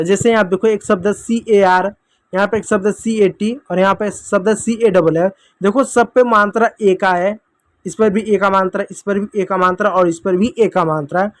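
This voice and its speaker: A man's voice: high-pitched, no room sound. A man teaching English basics to children, patient and repetitive, often calling out to the kids. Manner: patient, repeats points, addresses kids often. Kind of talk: classroom lesson for kids.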